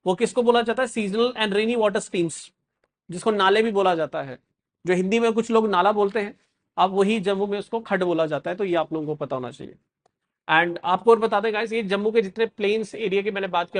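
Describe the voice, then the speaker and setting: Male exam coach, high voice, chatty lecturing with English mixed in, quizzes students. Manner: addresses viewers as guys, mixes English phrases in, quizzes the class. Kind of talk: classroom geography lecture.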